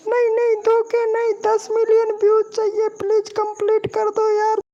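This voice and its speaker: Guy doing a super high whiny girl voice, fake sobbing and begging, muffled lo-fi stream sound. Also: monotone, moderate pace, mellow. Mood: whiny pleading. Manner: squeaky sobbing plea, giggling. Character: whiny young woman fake-crying, begging for views.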